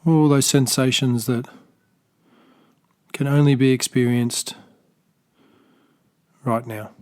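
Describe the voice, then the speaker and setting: Speaking slowly and softly with a steady tone, an Australian meditation teacher guides a body scan, his pitch in the middle range. Long pauses separate his gentle, loosely phrased, unscripted instructions, which include small restarts.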